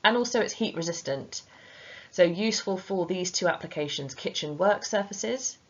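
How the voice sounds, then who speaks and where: A woman's voice: fairly low pitch, lively intonation, moderate pace, dull audio. A woman teacher giving a revision lesson, chatty and informal, talking straight to her students.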